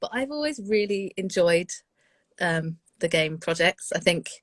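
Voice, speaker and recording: Relaxed woman guest, dry close sound. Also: on the low side, a little slow, dry recording. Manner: relaxed, friendly, short backchannels. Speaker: recording engineer, guest. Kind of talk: casual chat.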